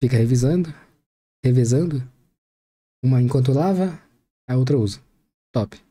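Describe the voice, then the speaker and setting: Dark-voiced joking man reacting. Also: mid-range voice, normal speed. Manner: jokey, chatty, teasing asides. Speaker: host reacting to a press conference. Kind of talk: casual joking commentary.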